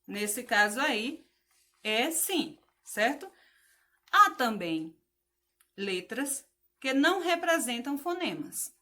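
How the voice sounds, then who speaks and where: A woman's voice: a little high, sing-song, slow, long pauses, sharp tone. A woman teacher giving a patient phonics lesson to children, spelling out letters, asking questions and praising the answers.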